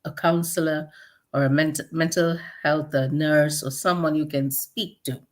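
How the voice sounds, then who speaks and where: Woman, low voice, calm, co-host, casual chat. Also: a little slow.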